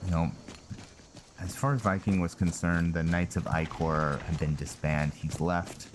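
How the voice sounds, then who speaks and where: Over loud video game music and background noise, a man with a low, fairly even voice narrates a roleplay playthrough at a measured pace. His casual commentary meanders, hesitant and fragmented as he thinks aloud.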